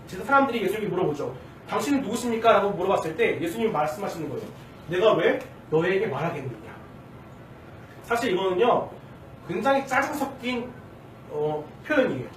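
Lively, high-voiced young pastor preaching. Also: male voice, slight background noise. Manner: conversational, asks the congregation questions; acts out quoted lines with shifting tone. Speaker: junior pastor. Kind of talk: sermon. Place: church sanctuary. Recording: roomy church sound from a distant mic.

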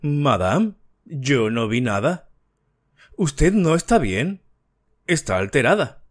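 A man narrating an audiobook, voicing a fussy, sharp-eyed older detective in a dry, precise, lightly lecturing manner. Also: mid-range voice, sing-song, slow. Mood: curt.

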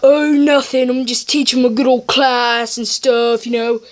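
A woman's voice: on the high side, steady tone, a little slow, natural voice. A female speaker voicing a silly, panicky male teacher in a homemade toy skit. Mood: casual.

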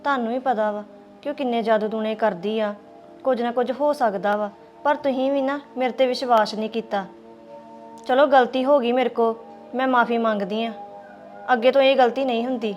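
A woman's voice: fairly high pitch, fairly even intonation, moderate pace, dull audio, soft background music, close to an everyday voice. A woman playing a pleading, apologetic young daughter. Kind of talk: family drama acting.

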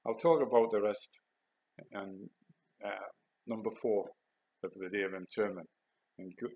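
A man's voice: lowish voice, fairly even intonation, unhurried, highs cut off. An older man, an army veteran, telling his own war memories in a blunt, plain-spoken monologue. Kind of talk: first-person war memoir monologue.

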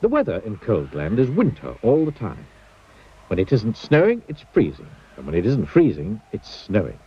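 A man narrating a children's storybook in a playful, expressive way. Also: on the low side, normal speed, slightly rough. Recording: dull lo-fi old TV soundtrack.

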